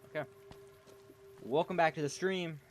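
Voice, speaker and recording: A man's voice: a little high, measured pace, faint music behind. A man talking casually over livestream headset audio as he plays a game, rambling and thinking aloud. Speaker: streamer. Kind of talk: casual gaming livestream commentary. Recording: clear background noise.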